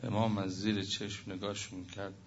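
Gravelly low-voiced preacher, impassioned. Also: male voice, flat delivery. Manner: impassioned, swings from loud to hushed. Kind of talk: religious sermon with storytelling. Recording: muffled recording with faint noise.

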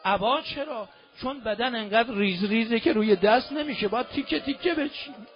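A man preaching a mourning sermon, moving between quiet retelling and shouted, lamenting cries. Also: very high voice, soft background music. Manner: swings from soft to shouting lament. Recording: dull lo-fi sound.

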